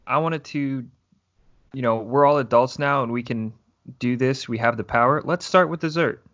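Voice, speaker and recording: A man's voice: mid-range voice, normal speed, a bit bright, highs cut off. Laid-back man with dry humor. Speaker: podcast guest. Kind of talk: casual podcast chat.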